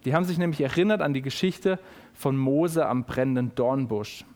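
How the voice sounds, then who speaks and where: A man preaching a sermon, explaining slowly and repeating key phrases for emphasis. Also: mid-range voice, darkish tone.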